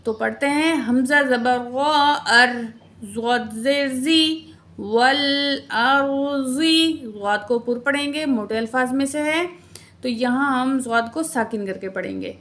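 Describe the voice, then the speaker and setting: Woman tajweed teacher, high voice, spells letters slowly, chants verses long and drawn out. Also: a bit bright. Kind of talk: word-by-word recitation lesson.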